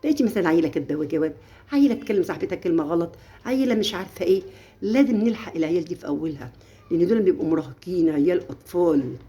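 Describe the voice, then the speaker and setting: A woman's voice: fairly low pitch, animated, racing, warm tone. A middle-aged woman with an Egyptian accent, giving earnest, lecturing advice as a mother in a casual livestream, and acting out the lines of others. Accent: Egyptian Arabic. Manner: earnest, lecturing, acts out quotes.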